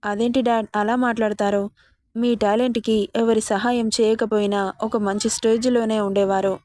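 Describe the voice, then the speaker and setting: A woman voicing a gentle, patient middle-aged father in a storybook reading, speaking mildly and reasoning calmly. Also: a little high, moderate pace, no echo, studio quality, natural voice. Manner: mild and reasoning.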